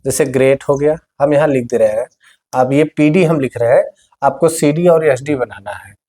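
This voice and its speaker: A man's voice: mid-range voice, normal speed, warm tone. A male teacher giving a board-exam grammar lesson, explaining patiently, repeating key words and speaking straight to his students.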